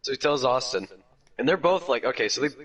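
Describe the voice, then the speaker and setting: A man's voice: medium pitch, animated, quick pace, fairly bright tone. A teenage boy retells a story in loose, casual chat. He rambles and swears, leaning hard on "like" fillers. He sits some distance back from the microphone. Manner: rambling, profane, heavy with "like" fillers. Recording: distant from the mic.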